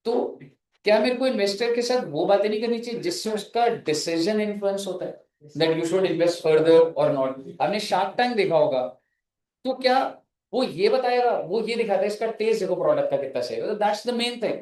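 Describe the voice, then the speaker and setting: A man's voice: high-pitched, animated, normal speed, darkish tone. A man with an Indian accent lecturing a class, mixing Hindi and English and joking with students. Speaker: teacher. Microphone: phone. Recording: echoey classroom from far off.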